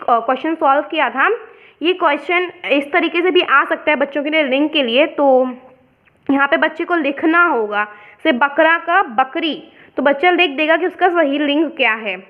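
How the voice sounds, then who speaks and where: Woman teacher from India, explains step by step, high voice, muffled lo-fi audio. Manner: explains step by step, mixing in English words. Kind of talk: worksheet explanation lesson. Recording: dull lo-fi sound.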